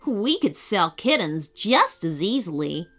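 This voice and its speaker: A woman's voice: mid-range voice, sing-song, a little slow, a bit bright, soft background music, exaggerated voice. A woman voicing a rude, bossy female burglar in a storybook reading, barking and scornful.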